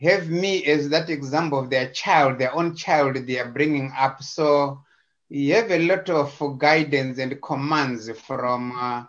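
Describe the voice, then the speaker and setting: A man's voice: medium pitch, a little slow, fairly bright tone. A man from Zimbabwe, a guest on a video call, talking in a casual, hesitant way with many repetitions and fillers. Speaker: interview guest. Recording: slightly dull video-call audio.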